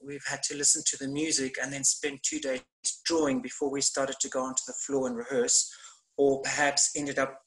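A middle-aged theatre maker joins an online panel by laptop webcam from a room at home, his mid-range voice a bit bright and the recording low in quality. He is thoughtful and hesitant, full of fillers, and gestures widely as he talks.

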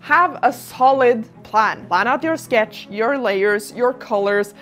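A chatty woman narrates her crafting project in a casual, excitable way and breaks into laughter often. Her voice sits a little high, with soft music in the background. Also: slow. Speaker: craft video host.

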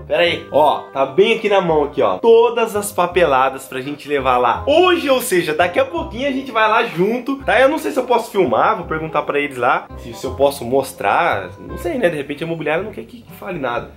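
A Brazilian man in his twenties chatting in a casual, slangy vlog style, emphatic and excitable, into a handheld camera. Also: a little high, brisk, few pauses, faint music behind. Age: 20s. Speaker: vlogger. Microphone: handheld camera at arm's length.

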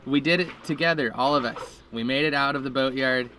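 A man's voice: medium pitch, a little fast, bright, forceful tone, slight background noise. A young man talking casually to the camera from a sailboat cockpit at sea, earnest and thankful. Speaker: sailing vlogger. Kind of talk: casual vlog talk to camera.

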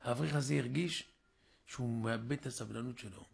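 Gravelly, husky-voiced rabbi giving a sermon. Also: male voice. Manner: acts out the story's dialogue with shifting pitch and loudness. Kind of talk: sermon with a told story. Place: synagogue, live stream.

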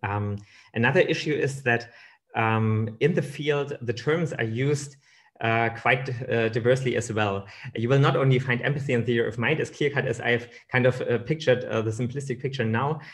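A man's voice: mid-range voice, moderate pace. A man in his thirties giving a keynote lecture over slides from a room on a webcam, with many fillers and restarts. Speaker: keynote speaker.

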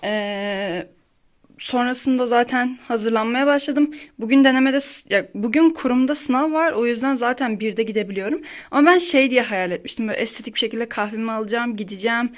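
A young adult woman, an exam student and vlogger, casually films her study day at home and then in a library. Her voice is on the high side and fairly quick, and she's chatty and rambling, getting worked up over small annoyances.

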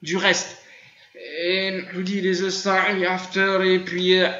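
A man with a rather high, bright voice gives an informal religious lesson in a loose, meandering way, repeating himself and filling pauses as he talks. The sound is dull and muffled, with a roomy echo, as if heard through an online voice-chat room. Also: completely flat delivery. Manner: conversational and rambling, with frequent fillers and repetition. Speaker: religious teacher. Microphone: computer microphone in a voice-chat room.

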